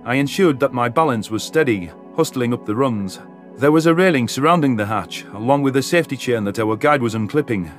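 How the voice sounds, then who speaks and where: Over background music, a man with a mid-range voice reads scripted first-person science fiction narration at a brisk clip, performing as an audiobook narrator.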